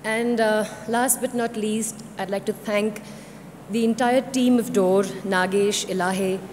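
A woman's voice: medium pitch, steady tone, a little mellow. Quivering woman's acceptance speech in hall. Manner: halting, with pauses and fillers. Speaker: award winner. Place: large awards hall stage. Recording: long hall reverb, faint noise.

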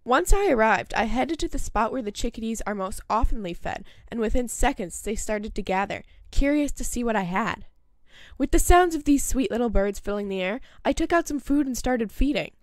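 Higher-pitched woman narrating, close dry sound. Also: animated, moderate pace, dry recording. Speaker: host of a birdwatching video channel. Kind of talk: scripted voice-over narration.

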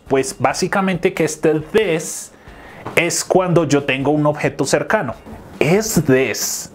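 A man, explaining an English lesson and slowing down to pronounce the English examples. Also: on the high side. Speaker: English teacher.

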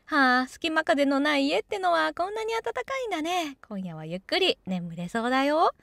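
A woman's voice: high-pitched, sing-song, moderate pace, creaky, fairly bright tone, no echo. A woman doing casual let's-play commentary and reading along with the game. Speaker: game streamer.

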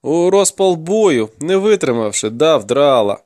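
A hard, mocking swordsman barking questions and orders, as a male narrator gives him voice. His speech swings with lively emphasis, captured in a dry, close recording. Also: fairly high pitch, measured pace, dry recording. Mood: taunting, grim. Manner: taunting, commanding, gruff. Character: grim, mocking male warrior interrogator.

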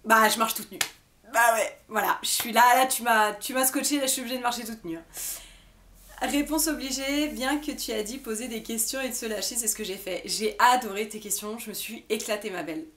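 A woman's voice: on the high side, fairly quick, a bit bright, slight background noise. Chatty French-speaking young woman vlogger. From France. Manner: chatty, giggly, many fillers. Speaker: beauty vlogger. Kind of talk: casual FAQ chat to camera.

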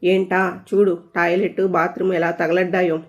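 A woman voicing a fussy, quick-tempered young husband who scolds and gives orders. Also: lowish voice, level tone, close to an everyday voice. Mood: angry. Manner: bossy, scolding. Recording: dull lo-fi audio.

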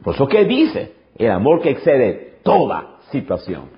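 Animated male pastor preaching emphatically. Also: medium pitch, measured pace. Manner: emphatic preaching with repetition and rhetorical questions. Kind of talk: sermon. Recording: dull lo-fi recording.

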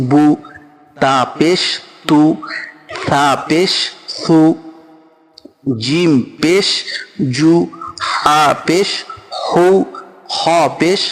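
A man's voice: fairly high pitch, big-room sound. A man teaching Quran reading, patiently spelling out each letter and syllable aloud. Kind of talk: slow spelling-out lesson.

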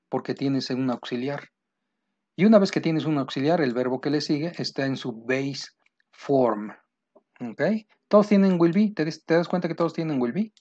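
Male teacher, slightly high voice, patient drill-style explanations, slightly muffled recording. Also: darkish tone. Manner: repeats and drills examples, asks rhetorical questions. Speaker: English teacher. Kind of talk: classroom grammar lesson.

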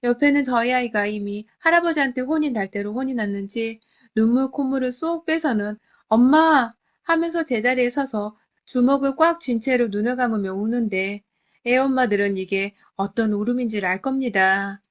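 A woman's voice: fairly high pitch, moderate pace. Woman narrating a dramatic true-life story. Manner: emotional, confiding first-person telling.

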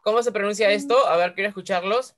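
A woman teaching English words to young children, repeating each word slowly and praising them often. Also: medium pitch, background noise. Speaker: primary school English teacher.

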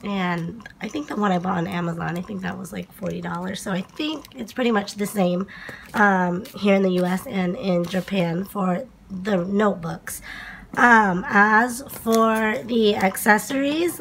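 A young woman chatting casually through a stationery haul, her voice hoarse from a cold, with lots of fillers. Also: medium pitch, a bit bright, a little hiss or hum. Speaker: planner vlogger.

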